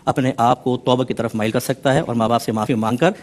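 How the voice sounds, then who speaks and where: A man's voice: medium pitch, steady tone. A man speaking as an Islamic scholar, explaining a verse in earnest with teasing asides and stray English words. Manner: mixes English words into his talk. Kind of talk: religious discourse explaining a Quran verse.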